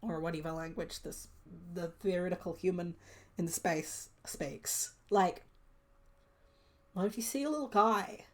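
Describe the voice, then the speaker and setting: A woman's voice: on the low side, measured pace. A young woman streaming a solo tabletop game, reading prompt lists aloud and musing at length with many fillers.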